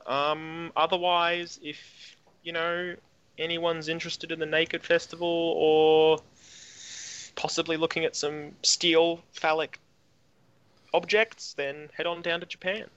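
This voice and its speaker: A man's voice: a little high, flat delivery, takes it slowly, a bit bright, clean tone, muffled recording. A young man co-hosting a casual comedy podcast, reading odd news items with jokey asides. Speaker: podcast co-host.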